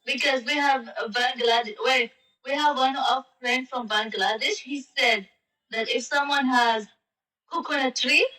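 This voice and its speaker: A woman's voice: high voice, steady tone, a little slow, sharp tone, recorded from a distance. A woman chatting casually on a live-stream app, speaking in a playful, teasing manner. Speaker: language exchange chat partner. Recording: echoey and off-mic.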